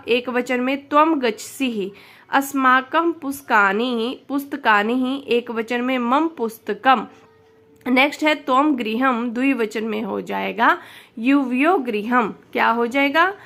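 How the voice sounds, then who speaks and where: A woman's voice: a little high, fairly bright tone. A woman teacher, patiently explaining a textbook lesson to students and repeating each answer.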